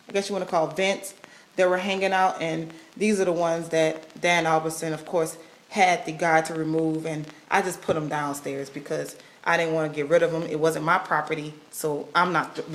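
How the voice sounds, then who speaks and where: A woman giving a casual walkthrough of her salon and its basement, chatty and exasperated, with wry laughs, filming on a handheld camera. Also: sits low. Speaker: salon owner showing her space. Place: building basement and salon, indoors.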